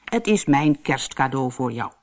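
A woman voicing a generous, kindly old male shopkeeper in a calm, lowered voice. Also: a little slow. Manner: low, calm and friendly.

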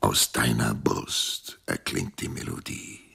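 A man voicing an aging Andean scissors dancer, fervent and dying, with a gravelly voice and intense, ecstatic calls. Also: a bass voice, slow pace, pushed and bright, pitched below the performer's own voice, exaggerated voice.

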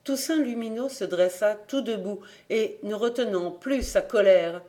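A man narrating a classic novel as an audiobook in a measured, even storytelling manner. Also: high voice.

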